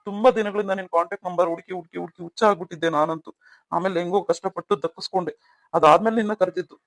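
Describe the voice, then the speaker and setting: A man's voice: high voice, steady tone, very fast, no room sound. A man voicing an earnest young married man who pleads with his elder brother in a cartoon story. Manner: pleading, emotional.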